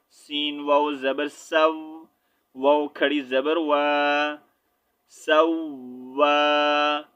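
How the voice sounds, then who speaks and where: A man teaching Quran recitation. He spells out letters slowly, chants the verses drawn-out, and explains quickly and patiently between them. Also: fairly high pitch, a bit bright, smooth. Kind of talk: tajweed lesson, spelling and reciting. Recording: dull lo-fi recording.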